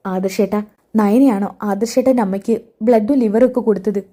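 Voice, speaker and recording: A woman's voice: mid-range voice, brisk, mellow, lightly acted. A woman reading the part of a hurt, defiant young pregnant wife who confronts her in-laws. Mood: worried. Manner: pleading and confrontational.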